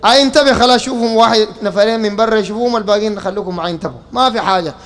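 A man preaching to a gathered crowd in Sudanese Arabic, his voice pitched very high for a man. He speaks rhetorically, throws question after question at his listeners and keeps pulling their attention back to him. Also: rapid-fire, a bit bright. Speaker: preacher giving a public lecture. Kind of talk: public religious lecture.

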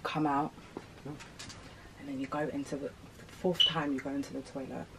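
Young woman, deep voice for a girl, scheming and acting out lines, faint hiss behind. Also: normal speed, rough recording. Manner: animated, scheming, acts out lines. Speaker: friend planning a prank. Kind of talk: casual chat.

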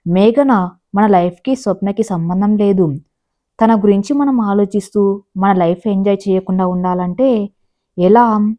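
An affectionate young husband who coaxes and pleads, read by a woman narrator in a storybook audio tale. The voice is soft and mellow, at an ordinary middle pitch. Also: a little slow, close to an everyday voice. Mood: pleading.

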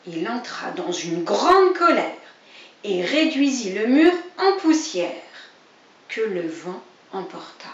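Woman storyteller, children's story reading, lively pitch, distant lo-fi recording. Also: slow pace, a little hiss or hum. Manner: expressive, addressing a child directly. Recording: dull, roomy, distant recording.

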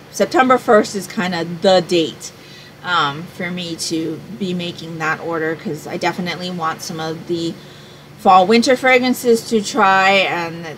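A woman's voice: on the low side, a bit bright, a little hiss or hum, rough recording. Chatty woman vlogging from home. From Hawaii. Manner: chatty, rambling, thinks aloud with many fillers. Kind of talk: casual chat to camera. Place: small room at home, indoors.

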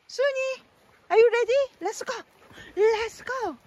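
A middle-aged woman with a high voice talks slowly and warmly on a forest trail. She exclaims at the views, laughs often and uses simple phrasing. The sound is an outdoor phone recording. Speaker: vlog host. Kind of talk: casual hiking chat.

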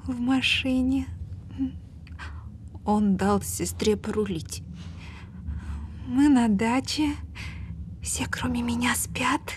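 An actress playing a distraught, guilt-ridden woman patient in an audio drama, breathy and halting, often dropping toward a whisper. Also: on the high side, mellow, slight background noise, natural voice. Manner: slow, halting, repeating words.

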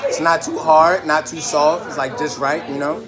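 A woman's voice: deep voice, steady tone, normal speed. A woman hosting a casual food review, talking in laid-back slang with her mouth partly full. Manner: slangy, laid-back, says "you know" a lot. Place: indoors, large busy public room. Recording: loud crowd chatter behind.

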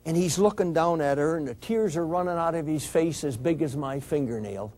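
A police officer giving an emotional talk to an audience, telling a story with repeated restarts and direct appeals to "people". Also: male voice, on the high side, brisk, a little mellow.

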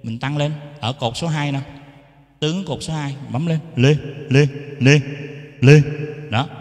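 A man's voice: a little high, moderate pace. A man gives a casual how-to lesson on keyboard mic settings. He explains each setting and tests the mic with short sung syllables. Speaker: keyboard sound tutor. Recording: echoey room with long reverb.

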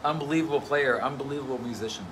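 A man at a middle pitch, chatting loosely about his band between fillers and restarts. He speaks as a bassist and musical director in a relaxed live Q&A. Air-conditioning hum sits clearly behind him. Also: rapid-fire. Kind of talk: casual live Q&A talk.

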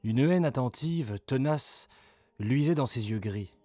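A man narrating an audiobook in a dramatic, expressive reading. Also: medium pitch, unhurried, no echo. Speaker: audiobook reader. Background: ambient soundtrack music.

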